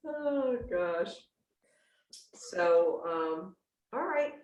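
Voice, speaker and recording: A woman's voice: on the low side, expressive, very slow, a little mellow, muffled recording. A woman hosting an online cooking class, talking in a casual, chatty, exclamatory way over a video call. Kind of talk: casual livestreamed cooking demonstration chat. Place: indoors at home, on a video call. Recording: roomy, distant-mic video-call sound.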